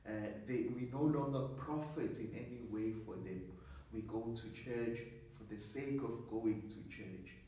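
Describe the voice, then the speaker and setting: A middle-aged priest gives an earnest, measured talk, often repeating small words as he gathers his thoughts. His voice sounds distant from the camera and bounces around a very echoey small study, with a faint hiss underneath. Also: medium pitch, mellow. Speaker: assistant parish priest. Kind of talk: sermon preparation talk. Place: small study with bookshelves, indoors. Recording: echoey room, voice from far off.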